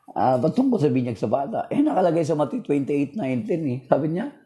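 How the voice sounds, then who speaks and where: A man's voice: on the high side, mellow. A man giving an informal religious talk from home, earnest and repeating key points for emphasis, his voice strained.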